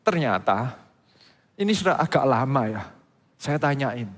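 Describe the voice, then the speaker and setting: Man preaching in an echoing church hall. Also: unhurried. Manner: animated storytelling, pitch jumping up when excited. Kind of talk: sermon testimony. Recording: long reverb of a church hall.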